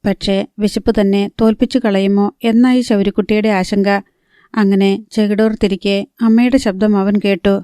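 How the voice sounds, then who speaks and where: Female audiobook narrator, steady and mellow, dry close sound. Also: mid-range voice, moderate pace, smooth, no room sound. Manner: steady, even storytelling. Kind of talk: scripted novel narration.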